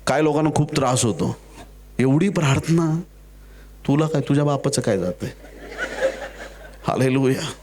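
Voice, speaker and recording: A man preaching a sermon, acting out the characters in his stories with jokey asides and building to loud exhortation. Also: mid-range voice, moderate pace, pauses often, slight background noise. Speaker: pastor.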